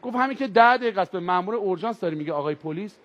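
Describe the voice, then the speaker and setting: Male stand-up comic, very high pitch, animated storyteller who acts out characters. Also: muffled recording. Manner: animated, switches into character voices. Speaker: stand-up comedian. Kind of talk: stand-up storytelling with acted voices. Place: stage before a live audience.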